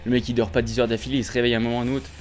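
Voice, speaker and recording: A man's voice: medium pitch, flat delivery, rapid-fire, a little mellow, soft background music. A young man doing casual, joking reaction commentary on videos, often laughing.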